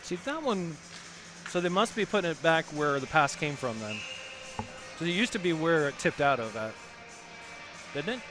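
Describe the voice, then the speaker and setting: A man giving relaxed, chatty color commentary on a hockey game. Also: a little high, moderate pace, pauses often, music in the background.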